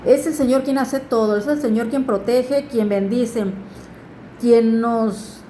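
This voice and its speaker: A woman's voice: a little high, steady tone, slow, dark tone, slight background noise. A woman, giving an earnest personal religious testimony and urging listeners to turn to God. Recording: echoey room.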